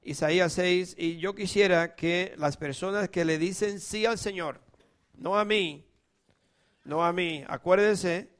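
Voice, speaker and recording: A man preaching in a church with a somewhat high voice. He pleads and calls out with passion, then drops to a hushed, intimate tone for prayer. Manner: impassioned, swings between loud appeals and hushed prayer. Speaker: pastor. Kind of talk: sermon with scripture reading and prayer.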